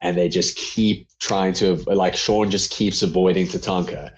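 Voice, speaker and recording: A man chats through an old wrestling show as a podcast co-host. His voice sits a bit low, and he rambles, doubling back with fillers and laughing easily. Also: steady tone, a little slow. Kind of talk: casual wrestling review chat.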